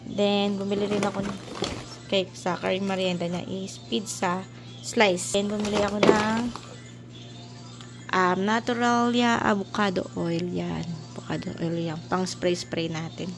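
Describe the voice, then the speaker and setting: A woman chatting casually in a home vlog, showing her fridge and her groceries, switching between Tagalog and English. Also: mid-range voice. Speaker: vlogger. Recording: noticeable background noise.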